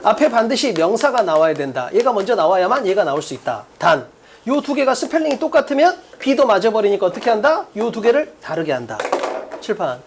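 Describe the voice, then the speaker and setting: A man's voice: sits high, brisk, background noise. Guy teaching exam english, keeps asking the class questions, voice jumps all over. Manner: drills students with rhetorical questions, lively and emphatic. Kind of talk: recorded exam-prep lecture.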